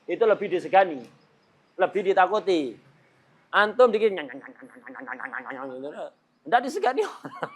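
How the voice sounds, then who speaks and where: Jokey religious teacher. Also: male voice, a little high. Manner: jokey, laughs often, mimics chatter. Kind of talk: Islamic law lesson.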